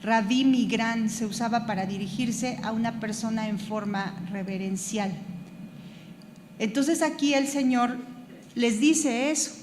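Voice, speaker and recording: A woman's voice: on the high side, unhurried, darkish tone. A woman teaching a Bible class who stops and repeats words as she searches for them, and spells out terms letter by letter. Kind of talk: Bible study lecture. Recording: echoey hall with room noise.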